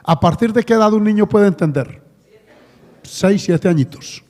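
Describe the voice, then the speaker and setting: A man's voice: high-pitched, moderate pace, a little mellow. A middle-aged Colombian man preaching a sermon to his congregation, talking conversationally with asides and questions to the listeners. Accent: Colombian Spanish. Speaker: pastor. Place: church hall. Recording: long church hall reverb.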